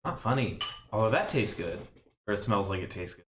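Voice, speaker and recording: A man's voice: lowish voice, lively intonation, a little fast, roomy sound, background noise. A man streaming a card game, thinking aloud in casual play-by-play commentary with rambling, self-mocking asides. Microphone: desk stream mic.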